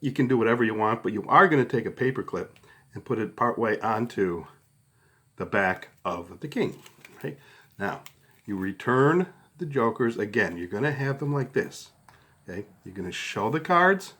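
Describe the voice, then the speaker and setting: Casting: middle-aged male instructor, lowish pitch, informal hands-on how-to delivery, conversational with frequent check-ins. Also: expressive, moderate pace, fairly bright tone, husky. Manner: casual, conversational, often checks in with "okay" and "all right". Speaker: card trick instructor. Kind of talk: informal step-by-step tutorial.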